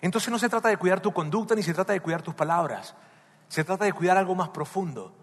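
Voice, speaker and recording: Emphatic husky-voiced pastor. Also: male voice, high voice, animated, fast. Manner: emphatic, questioning the listeners directly. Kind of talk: sermon. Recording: long reverb of a large hall.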